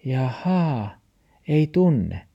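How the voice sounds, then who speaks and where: A man voicing a small, excitable talking dog in a storybook, with a Meänkieli accent and a shrill, yappy way of firing off short questions. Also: creaky, husky, dull audio, heavily acted. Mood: curious. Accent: Meänkieli (Tornedalen).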